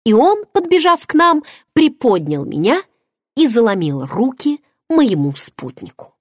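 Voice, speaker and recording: A woman narrating a first-person audiobook in an expressive, dramatic way, recorded close to the mic. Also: on the high side, a little slow, no room sound.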